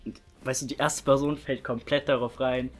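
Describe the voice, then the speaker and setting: A man's voice: medium pitch, little pitch movement, moderate pace. A young man chatting casually as the host of a prank-call video, recorded indoors. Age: young adult. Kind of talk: casual chat. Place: small indoor room with curtain behind. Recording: music faintly behind.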